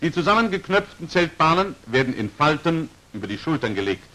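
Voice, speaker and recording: A male narrator delivers scripted commentary for a 1940s military training film in a fairly high, animated voice, formal and precisely articulated, his pitch swinging widely between phrases. He speaks briskly, and the recording quality is low.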